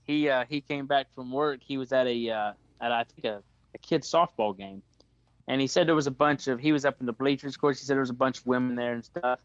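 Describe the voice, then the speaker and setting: A man co-hosting a casual podcast, an animated storyteller who keeps saying "dude". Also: medium pitch, no room sound. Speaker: podcast co-host. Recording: dull, dry lo-fi mic.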